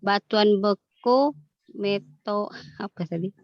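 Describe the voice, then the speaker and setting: A woman's voice: medium pitch, slow pace, no echo, highs cut off. A woman student answering in an online class over a video call, hesitant and groping for words, on a choppy, robotic-sounding connection.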